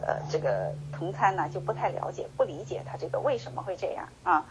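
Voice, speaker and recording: A woman gives a Buddhist sutra lecture in an animated storytelling manner, acting out the exchanges between master and student. She softens her sentences with drawn-out particles. A faint hiss of noise sits under the recording. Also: fairly low pitch, low-quality recording. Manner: slow measured chanting when reading scripture. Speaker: Buddhist teacher.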